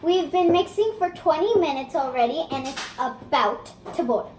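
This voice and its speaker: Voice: high voice, lively intonation, normal speed. A child co-hosting a casual cooking demonstration in a home kitchen. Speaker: cooking video host. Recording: roomy kitchen echo, background noise.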